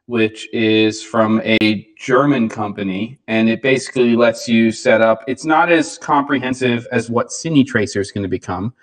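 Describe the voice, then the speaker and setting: A man's voice: lowish voice, moderate pace, hardly any pauses. Man chatting in an echoey, cave-like room. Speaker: co-host. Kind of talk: casual livestream chat.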